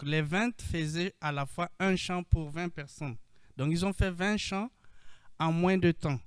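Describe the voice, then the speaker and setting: A man from the Democratic Republic of the Congo with a Congolese French accent, introducing himself on a panel in a measured way with frequent hesitations over a video call. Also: high-pitched, smooth, no echo. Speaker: panelist, co-op founder.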